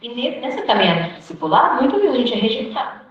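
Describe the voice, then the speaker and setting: A Brazilian woman with a Brazilian Portuguese accent teaches a women's group in a loose, conversational sermon, acting out little dialogues as she goes. Her voice sits a bit high. She is picked up from a distance in a very echoey room, and the sound is dull and lo-fi. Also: big pitch swings, quick pace, a little hiss or hum. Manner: conversational, acts out quoted dialogue, frequent "né?" tag questions.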